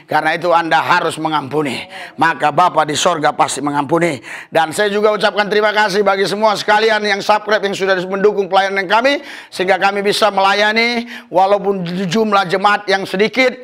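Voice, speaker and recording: A man preaching a fervent sermon as pastor, often calling out hallelujah and rising to exultant shouts. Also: high-pitched. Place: church service.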